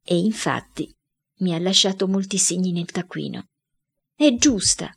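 Woman reading a kids diary story out loud, measured and expressive. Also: lowish voice, gravelly, husky. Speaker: narrator.

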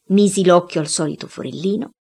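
Husky woman reading a story aloud. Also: lowish voice, fairly quick, darkish tone. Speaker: reader. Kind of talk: audiobook reading of a boy's first-person diary.

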